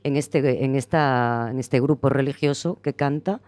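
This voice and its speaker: A man's voice: mid-range voice, a little slow, a little mellow, no echo. A man hosting a casual podcast chat, talking at length with many hesitations and fillers. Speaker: host.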